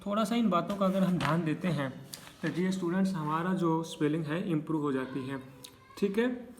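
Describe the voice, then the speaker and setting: Male teacher, fairly high voice, patient explainer, steady classroom lesson delivery. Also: a little fast, slight background noise. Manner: patient, repeats checks like "okay" between examples. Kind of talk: explaining spelling rules to students.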